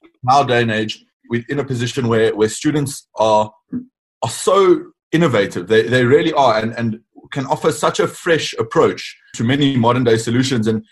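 Eager young student. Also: male voice, mid-range voice, moderate pace, husky. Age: 20s. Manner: eager, repeats words as he talks. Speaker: student founder, guest. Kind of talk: podcast interview.

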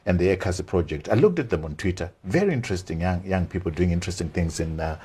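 Deep husky male interview host. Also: lively intonation, fast talker, warm tone. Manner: attentive, frequent murmured agreement. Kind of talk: casual interview.

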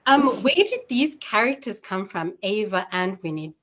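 A woman interviewer from South Africa asks an author about her characters in a curious, meandering way. Her voice is mid-pitched and conversational, with filler sounds as she thinks. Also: very animated, moderate pace, fairly bright tone.

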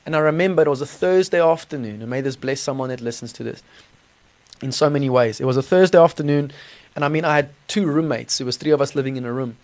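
A man's voice: medium pitch, fast. A man with a South African accent giving a personal testimony in an informal, earnest, conversational way with colloquial slang. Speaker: podcast guest telling his testimony. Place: small studio.

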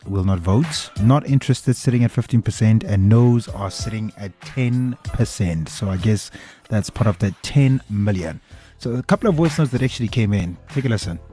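A man's voice: lowish voice, warm tone. A man with a South African accent presenting a radio talk show conversationally, switching between English and Afrikaans. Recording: music bed behind voice. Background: background music.

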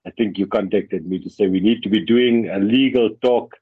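A man with a South African Indian accent talks as an attorney guest on radio, deliberately, repeating and building on his phrases. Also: lowish voice, breathy edge, no room sound. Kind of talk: conversational radio interview. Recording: dull, lo-fi radio link.

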